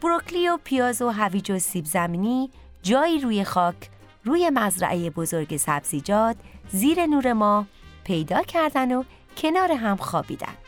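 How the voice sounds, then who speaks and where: A woman's voice: fairly high pitch, very animated, soft background music. A woman narrating a bedtime story for children and speaking directly to them.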